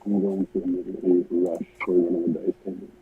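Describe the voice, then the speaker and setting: Deep-voiced man on a garbled underwater-sounding mic. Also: completely flat delivery, fast, breathy edge. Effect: muffled, garbled underwater-sounding mic. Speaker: tabletop game player. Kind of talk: casual play over voice chat.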